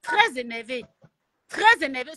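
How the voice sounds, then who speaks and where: A woman with a Cameroonian French accent rants on a live stream, taunting and picking a fight while mixing in Italian. Her voice is high and swings widely in pitch. The sound is close and dry, from a phone held near her. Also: very animated, unhurried, pushed and bright, dry recording. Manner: taunting and confrontational, slipping into Italian. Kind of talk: heated live-stream rant. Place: at home in Italy.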